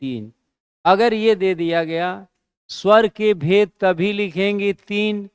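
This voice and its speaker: High-pitched man teaching a slow, clear lesson. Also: no room sound, clean studio sound. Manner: rhetorical questions he answers himself; slows down to stress key terms. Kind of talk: classroom lesson.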